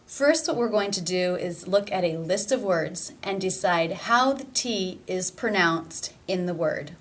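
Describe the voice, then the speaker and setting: A woman leads a pronunciation lesson at an unhurried, careful pace. She states each rule plainly, then says the example word twice, slowly and deliberately. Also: on the low side, expressive. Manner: slow and deliberate, repeating example words. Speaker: pronunciation teacher.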